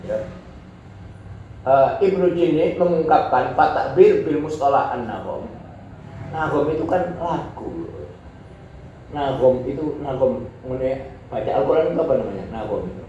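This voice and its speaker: A male teacher from Indonesia, giving a classroom lecture: he reads Arabic text aloud, then explains it in relaxed Indonesian with many repetitions. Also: medium pitch, a little slow, long pauses. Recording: echoey hall, distant and dull mic, faint noise.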